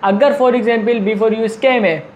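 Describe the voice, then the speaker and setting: A man's voice: high voice, fairly even intonation, measured pace, a little mellow, muffled recording, a little hiss or hum. A man with a Pakistani Urdu accent arguing a point in a casual video monologue, asking questions and answering them himself. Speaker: video commentator. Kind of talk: argumentative monologue.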